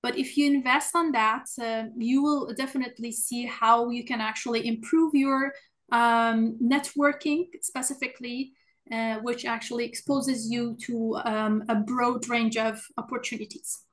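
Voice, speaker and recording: On a webinar panel over a video call, a woman speaking as an alumna answers earnestly but hesitantly, dropping many "uh" fillers. Her voice is a little high, fairly even in intonation and measured in pace.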